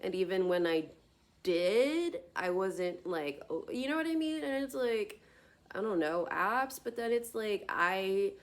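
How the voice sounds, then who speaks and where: Talking to herself on a tablet camera, a woman in her late twenties vlogs in a rambling, tangent-filled way, heavy on fillers such as "like" and "you know what I mean." Her medium-pitched voice has lively intonation and a slightly slow pace.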